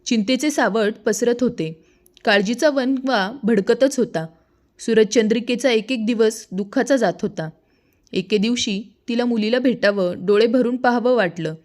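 A woman's voice: fairly high pitch, measured pace, a little mellow. A woman narrating a devotional folk tale and acting out the characters' quoted lines with feeling. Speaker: storyteller.

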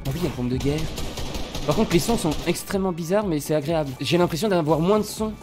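Excitable young gamer, lively voice. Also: male voice, a little high, fast, over music. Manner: excitable, swings between mutters and shouts; swears casually, repeats himself. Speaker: gaming streamer. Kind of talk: excited gameplay commentary.

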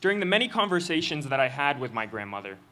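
A young man giving a student speech at a graduation ceremony, reading a prepared text into a podium microphone in an earnest, measured way. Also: medium pitch, very animated, bright, forceful tone. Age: young adult. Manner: earnest, measured delivery with occasional slips. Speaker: student commencement speaker. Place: outdoor stage of a graduation ceremony.

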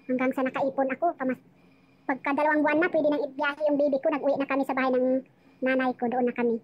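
A woman's voice: sits high, little pitch movement, fast, dull audio. A woman casually telling her life story on a live chat, rambling and emotional, often restarting her sentences.

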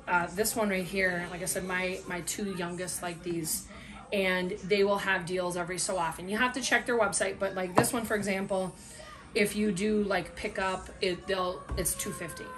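Speaking at a moderate pace with fairly even intonation, this middle-aged woman has a voice on the low side. She chats informally and at length in a relaxed product review, filmed indoors at a table in a small home room by a camera a short distance across the table.

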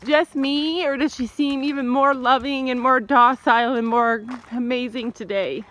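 A woman's voice: sits high, steady tone, moderate pace, fairly bright tone. A middle-aged woman chatting casually in an emotional, tearful goodbye manner, recorded outdoors on a handheld phone. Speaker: mother filming a family vlog. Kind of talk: casual chat. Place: outdoors on a rural gravel road. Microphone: handheld phone behind camera. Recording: outdoor phone video with faint noise.

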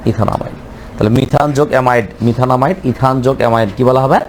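A man's voice: mid-range voice, fairly even intonation, fast talker, vocal fry, a little hiss or hum. Man teaching chemistry, repeating himself. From Bangladesh. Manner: asks the class questions and answers them himself, repeating names. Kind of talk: classroom lecture.

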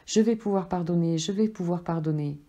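A woman voicing an eager, wide-eyed little soul, asking questions in an excitable, sweet way. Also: lowish voice, brisk, highs cut off. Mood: excited.

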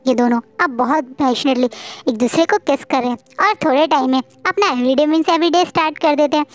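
A woman's voice: sits high, darkish tone, dry recording. A woman narrating fan fiction in a dramatic, emotional storytelling manner. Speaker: fanfiction narrator.

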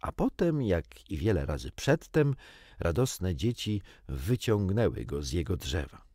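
A man reading a children's book aloud in an expressive, playful manner. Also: low voice, a little slow, no echo, studio quality. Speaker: audiobook narrator. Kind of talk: storybook narration.

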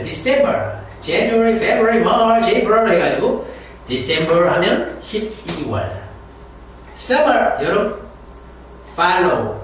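A man leads an English vocabulary drill, stretching each word out slowly so listeners can repeat it. His voice sits high for a man. It rings in a very echoey room, picked up from a distance with faint hiss. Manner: slow, drawn-out English words, quick Korean asides. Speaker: English teacher. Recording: very echoey room, heard from afar.

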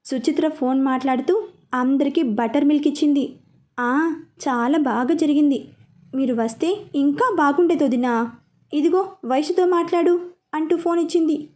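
A woman's voice: sits high, normal speed, warm tone. A woman narrating a story and reading every character's lines in her own voice.

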